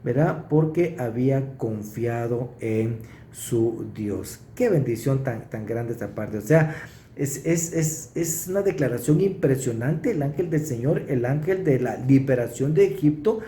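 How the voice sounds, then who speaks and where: A man preaching, teaching through a Bible passage verse by verse and pausing to stress what he reads. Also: medium pitch, lively intonation, mellow, a little hiss or hum. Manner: explanatory, pauses to stress verses. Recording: roomy echo.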